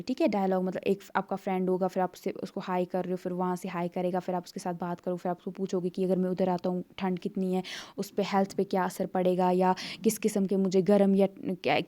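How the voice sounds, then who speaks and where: A woman's voice: medium pitch, warm tone. A woman tutor walks through an exam paper in a conversational way, explaining step by step with many fillers.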